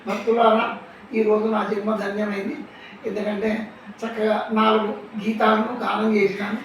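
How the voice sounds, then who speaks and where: A man's voice: sits high, little pitch movement, moderate pace. A man singing a devotional hymn, repeating each verse twice, then briefly thanking listeners. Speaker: devotional singer. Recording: very echoey room, distant mic, faint noise.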